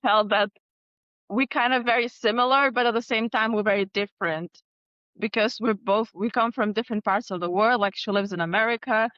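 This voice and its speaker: A woman's voice: fairly high pitch, fairly even intonation, brisk, no echo, muffled recording. A woman from Lithuania, a guest and co-author chatting casually on a podcast, talking with lots of fillers and frequent laughter. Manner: warm, laughs often, flowing with fillers like "like".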